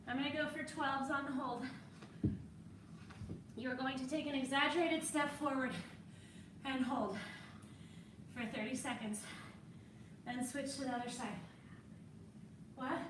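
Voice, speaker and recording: A woman's voice: high voice, fairly bright tone, roomy sound, recorded from a distance, a little hiss or hum. A woman fitness instructor coaching a workout while exercising alongside, encouraging and a little winded.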